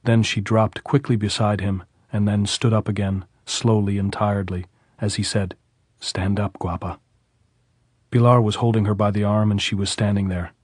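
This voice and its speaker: A man narrating an audiobook in a measured, even way. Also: on the low side, no room sound, clean studio sound. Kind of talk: scripted narration.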